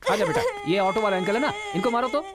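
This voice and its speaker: A playful young father in a dubbed film, coaxing and teasing his little son. His voice sits high and leaps around as he coos and jokes. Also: wildly swooping pitch, fast, a loud crowd, heavily acted. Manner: coaxing, playful baby talk. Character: doting young father who brags and jokes. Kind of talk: Hindi film dubbing.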